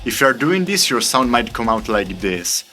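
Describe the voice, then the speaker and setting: A man's voice: medium pitch, big pitch swings, moderate pace, loud music behind the voice. A man presenting a scripted tutorial as an upbeat vocal coach, explaining things step by step. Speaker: extreme vocal coach and singer.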